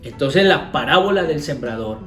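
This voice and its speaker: A man's voice: a little high, animated, normal speed. A male pastor with a Colombian Spanish accent reads a Bible passage and then explains it, asking his listeners rhetorical questions. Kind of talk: Bible teaching, reading scripture aloud. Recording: echoey room with soft guitar music behind.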